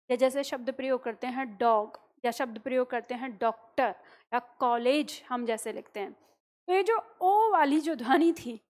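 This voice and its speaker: A woman's voice: sits high, a little mellow. A woman teaching a grammar lesson, explaining step by step and asking rhetorical questions that she answers herself. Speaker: Hindi teacher. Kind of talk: classroom-style grammar lesson.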